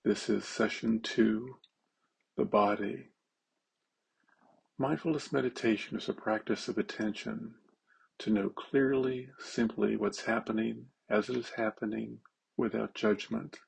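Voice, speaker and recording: A man guides a mindfulness meditation in a slow, halting way, leaving long pauses between short, simple phrases. His voice is deep-set, heavily gravelly and very husky, and he lets each word settle. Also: fairly even intonation, rough recording.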